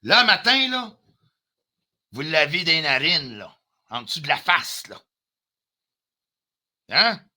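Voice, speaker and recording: Quebec guy going off on his livestream, sharp tense voice, kinda high, swears a lot, throws in english. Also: sing-song, slow pace, pauses often. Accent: Quebec French. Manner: confrontational, heated, swears often, drops in English phrases. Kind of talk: ranting live stream.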